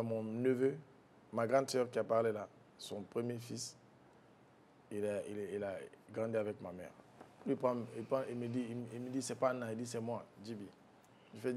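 A man recounting a personal loss in an interview, speaking softly and haltingly, with frequent restarts and a voice that drops low at painful moments. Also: a little hiss or hum. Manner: soft-spoken, halting with restarts, low when recalling grief. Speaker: guest.

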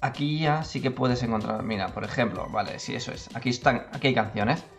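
Man, casual tutorial talk, chatty, frequent check-ins, soft music underneath. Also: mid-range voice, a little fast. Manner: chatty, self-interrupting, many "¿vale?". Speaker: tutorial youtuber. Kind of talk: casual screen-recorded tutorial.

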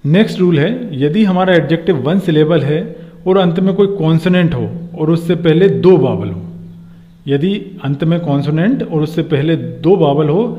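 A man with a fairly high voice teaches a grammar lesson, asking rhetorical questions and slowing down to spell out letters. The sound is dull and lo-fi, with a long reverb trailing each phrase. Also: lively intonation.

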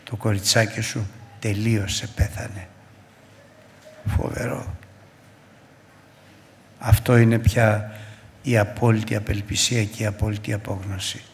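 A man preaching a sermon as pastor in a church, fervent and loud at his peaks. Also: lowish voice, flat delivery, pauses often, in a large hall, slight background noise. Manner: preaching with rising fervor, shouting at the peaks.

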